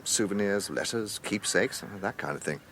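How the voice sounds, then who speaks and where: An actor playing a shrewd, courteous British gentleman police inspector in a radio drama, measured and dryly authoritative. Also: fairly low pitch, slight background noise. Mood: wry.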